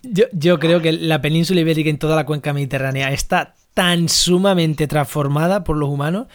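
A man's voice: a little high, a little fast. A man in Spain, hosting a podcast and asking questions eagerly, often correcting himself. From La Mancha, Spain. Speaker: podcast host. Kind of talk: casual podcast conversation.

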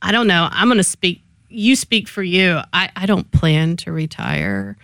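A woman's voice: fairly low pitch, very animated, a little slow, fairly bright tone, clear, resonant tone, dry recording, clean studio sound. A middle-aged woman with a Texan accent, talking as a business coach in an interview in a folksy, encouraging way. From Texas, United States. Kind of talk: conversational interview answers.

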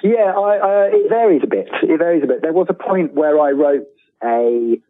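A freelance writer appears as an interview guest, his voice a little high with lively intonation at a normal speed. He rambles casually, pokes fun at himself, and keeps restarting sentences. The audio sounds tinny and phone-like, with room echo.

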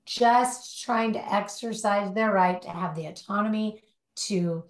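A woman's voice: medium pitch, a little slow, reverberant. A woman speaking as a guest in an interview, explaining her ideas in long run-on thoughts and often adding a "right?" to check in. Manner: talks in long run-on thoughts with many rhetorical "right?" tags. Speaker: guest, recovery life coach. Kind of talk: conversational interview. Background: dog barking at times.

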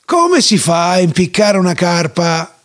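A man's voice: high voice, very animated, unhurried, fairly bright tone, exaggerated voice. A man voicing a dim-witted, earnest village sage who reasons in a puzzled way.

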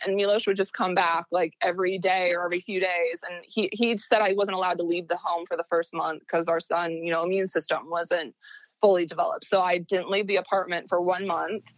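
A woman's voice: lowish voice, dry recording, dull audio. A young woman telling a personal story in casual chat, with quoted dialogue and plenty of fillers. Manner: tells events with quoted dialogue, many fillers. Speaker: podcast guest.

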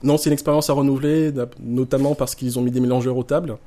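A man's voice: mid-range voice, fairly even intonation, fast, mellow. Man with a Marseille French accent. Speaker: guest, poker player. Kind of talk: casual conversational interview.

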